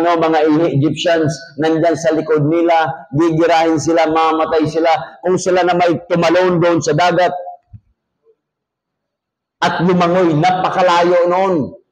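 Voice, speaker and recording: A male pastor with a Filipino accent preaching a sermon in an air-conditioned church. He jokes with the congregation, and his voice rises to a near shout when he reads scripture. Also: fairly high pitch, little pitch movement, moderate pace, low-quality recording. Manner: folksy, joking asides to the congregation.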